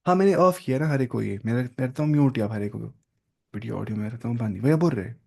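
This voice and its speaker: A man's voice: medium pitch, fast talker, gravelly, a little mellow, slightly rough. A male teacher giving an online grammar lesson, patiently drilling and repeating verb forms aloud. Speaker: Arabic teacher.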